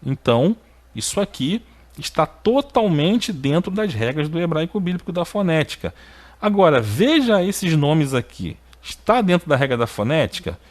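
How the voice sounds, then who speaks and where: A man giving a video lesson on biblical Hebrew. He is emphatic, keeps checking with short tags, and his pitch jumps up when he stresses a point. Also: very animated, normal speed. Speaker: Hebrew teacher.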